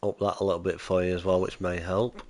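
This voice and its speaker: Stuffed up and nasal with a cold, this livestream host talks fast and flatly about games in a somewhat mellow voice. He stays low-key, chatty and easygoing as he talks with his viewers.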